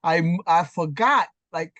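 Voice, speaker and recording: A woman in her sixties from New York City, telling her story as an interview guest in an animated, emphatic way. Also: on the low side, slow, dry recording, dull audio. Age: 60s. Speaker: guest artist. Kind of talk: casual interview chat.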